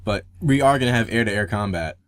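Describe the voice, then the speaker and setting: A young man co-hosting a casual gaming podcast, rambling excitedly and restarting his sentences. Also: on the low side, a little fast, clear, resonant tone, dry recording, clean studio sound. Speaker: podcast co-host.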